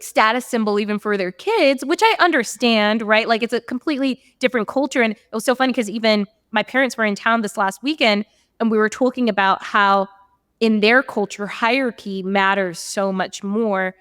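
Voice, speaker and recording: A woman's voice: mid-range voice, a bit bright, clean tone, dry recording, clean studio sound. A young woman hosting a casual podcast interview, bubbly and gushing, laughing often. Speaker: podcast host.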